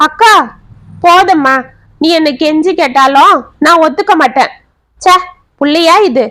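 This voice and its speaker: A woman voicing a fed-up housemaid who talks in a loud, scolding, dismissive way. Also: high-pitched, a little slow, no echo, voice pushed up. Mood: angry. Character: fed-up housemaid, blunt and quick-tempered.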